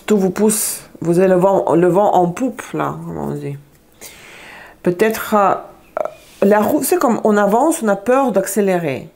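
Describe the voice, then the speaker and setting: A woman's voice: medium pitch, a little slow, creaky, a little mellow. A woman giving a casual tarot reading, chatty, often searching for words and repeating herself. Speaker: tarot reader.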